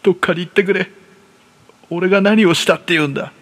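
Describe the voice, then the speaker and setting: Sounding frightened, a man playing a jumpy, self-mocking recluse in his thirties rushes through his own horror story for a radio drama. His voice is high and steady in tone, the pace quick, and the speech rough and colloquial.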